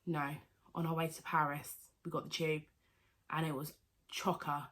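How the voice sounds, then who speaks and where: A woman's voice: low-pitched, flat delivery, moderate pace, fairly bright tone. A woman, answering viewer questions in a chatty, rambling vlog with lots of fillers and self-corrections. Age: 20s. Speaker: vlogger. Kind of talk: casual Q&A vlog.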